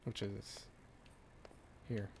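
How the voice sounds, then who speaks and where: A man's voice: extremely slow, very noisy. A man doing casual game stream commentary, rambling and thinking aloud as he plays. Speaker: streamer playing a video game. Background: game music.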